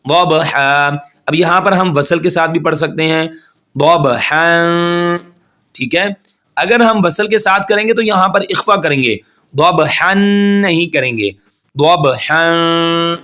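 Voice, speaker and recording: A man teaches tajweed in a steady, patient way. He explains each rule step by step, often checks in with his students, and recites the Arabic examples slowly with long held sounds. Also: on the high side. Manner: patient, repeats each point and checks in with "theek hai"; chants Arabic words slowly and stretched out. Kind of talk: tajweed lesson.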